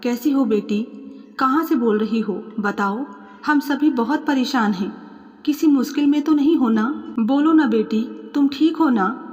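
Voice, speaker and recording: A woman's voice: sits high, unhurried, darkish tone, in a large hall, highs cut off, faint music behind. A woman voicing a worried, loving middle-aged mother who pleads anxiously with her daughter.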